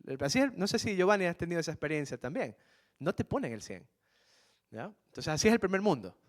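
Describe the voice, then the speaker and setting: A man's voice: on the high side, very animated, fast talker. A middle-aged man from Ecuador, a guest speaker telling a personal story to students in an earnest manner, repeating key phrases and calling them "jóvenes".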